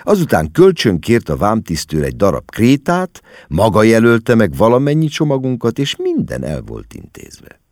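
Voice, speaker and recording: Deep-voiced male storyteller, expressive. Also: no echo, clean studio sound. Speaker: audiobook narrator. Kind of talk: scripted literary narration.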